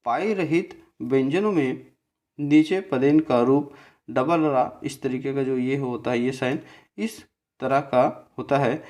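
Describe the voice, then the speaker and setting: Man teaching grammar slowly, step by step. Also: mid-range voice, a little mellow. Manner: slow, repetitive, checks in with "theek hai"; spells out syllables slowly. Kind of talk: explaining grammar over a slide.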